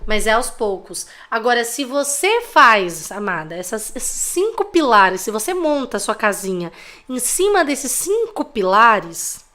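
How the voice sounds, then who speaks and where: Bright-voiced Brazilian woman teaching live. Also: on the high side, very animated, measured pace. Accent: Brazilian Portuguese. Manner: chatty, teasing, fills with tag questions. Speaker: parenting educator. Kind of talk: live-streamed class.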